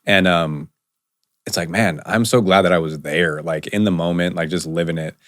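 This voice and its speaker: A low-pitched man hosting a podcast, talking casually and rambling through stories with plenty of fillers and restarts. The sound is dry and close, with no room echo. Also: fairly even intonation, moderate pace. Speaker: podcast host. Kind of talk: casual conversation.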